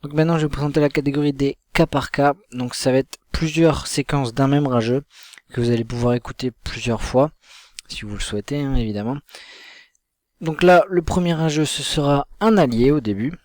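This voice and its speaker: A man's voice: medium pitch, fairly quick, darkish tone, no room sound. A man presenting clips in a casual narration style. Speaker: video presenter.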